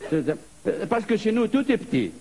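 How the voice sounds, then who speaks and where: A man from Algeria performing a stand-up comedy monologue, telling stories in a lively way. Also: sits high, normal speed, gravelly, slight background noise. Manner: lively storytelling with put-on voices.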